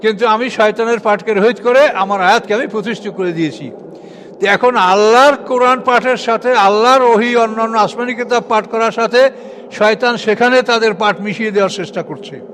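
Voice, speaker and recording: High-voiced preacher. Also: male voice, fairly bright tone, a little hiss or hum. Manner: lecturing with frequent hesitations and drawn-out fillers. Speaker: Islamic preacher. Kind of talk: sermon explaining scripture.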